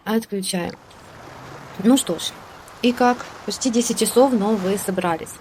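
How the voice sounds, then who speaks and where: A woman's voice: mid-range voice, a little slow, a little mellow, slight background noise. A woman giving casual gameplay commentary, chatting along and ordering her game characters around, with hesitant fillers. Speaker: let's play host.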